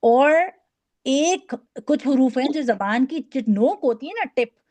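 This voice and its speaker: A woman teaching recitation over a video call, speaking patiently, demonstrating sounds slowly and checking that students follow. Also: high voice, animated, darkish tone, no echo. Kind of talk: online class lesson.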